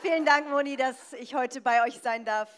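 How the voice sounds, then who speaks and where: A woman's voice: high voice, fairly even intonation, normal speed, a faint crowd, a little hiss or hum. A woman interpreting a preacher live, phrase by phrase, in a consecutive style.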